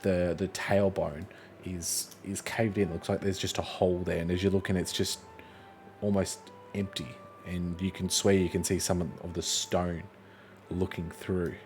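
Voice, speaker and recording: A man's voice: low-pitched, little pitch movement, measured pace, darkish tone, soft background music. A man narrating a tabletop game as game master, describing scenes with hesitant fillers.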